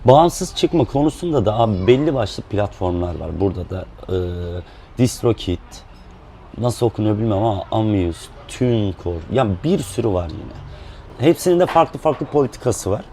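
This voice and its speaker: A man speaking in a relaxed, explanatory way, with fillers, as a musician guest in a casual chat. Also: fairly low pitch, normal speed, slight background noise.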